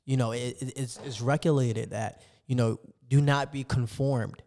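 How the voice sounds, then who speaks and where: A man in an animated faith discussion on a podcast, exhorting emphatically and repeating phrases as if preaching. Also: mid-range voice, moderate pace. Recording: long hall-like reverb.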